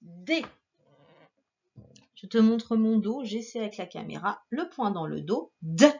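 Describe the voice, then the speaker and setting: A woman teacher giving a patient, slow syllable dictation to a child, spelling out letters one by one and softly breathing out the sounds. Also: medium pitch, lively intonation, creaky, slightly rough, highs cut off.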